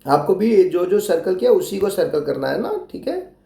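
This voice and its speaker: A man's voice: high-pitched, wildly swooping pitch, normal speed, gravelly, mellow. A man teaching young children, patiently spelling out letters and repeating his prompts. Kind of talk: explaining a workbook lesson to young children. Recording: roomy echo.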